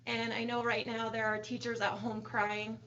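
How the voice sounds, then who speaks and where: A woman's voice: on the high side, flat delivery, moderate pace, a bit bright, highs cut off, a little hiss or hum. Emotional woman speaking at a board meeting. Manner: heartfelt, earnest, repeating "I know". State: emotional, near tears. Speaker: school board member. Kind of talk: public remarks at a board meeting.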